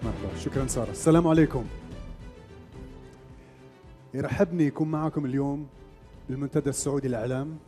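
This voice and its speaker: This medium-pitched male voice speaks rapid-fire but leaves long pauses, with music in the background. The middle-aged speaker, an Arabic speaker who is a Lebanese-born media executive raised in Saudi Arabia, gives an informal, interactive stage presentation at a conference. He switches between Arabic and English.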